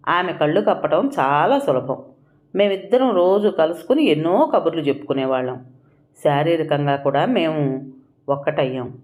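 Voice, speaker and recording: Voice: medium pitch, natural voice. A narrator voicing a tearful, anxious young bride who pleads and confesses, in a storybook reading.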